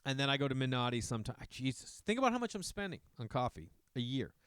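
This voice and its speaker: A man's voice: medium pitch, sing-song, fast talker, a bit bright, clean tone, no room sound, clean studio sound. A middle-aged man from Massachusetts hosting a podcast, rambling casually with profane asides to his listeners. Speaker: podcast host. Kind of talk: casual monologue.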